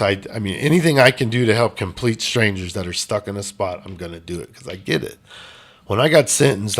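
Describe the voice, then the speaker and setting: A man telling his life story in an earnest, intense way, dropping quiet and then rising loud. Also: fairly low pitch. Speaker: interview guest. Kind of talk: emotional storytelling.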